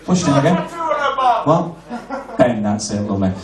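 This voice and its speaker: A man performing a live comedy hypnosis show on stage, mixing crude, cheeky banter with slow hypnotic patter. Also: on the low side, expressive, heavy background noise. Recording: echoey venue from far off, loud crowd. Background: laughing audience.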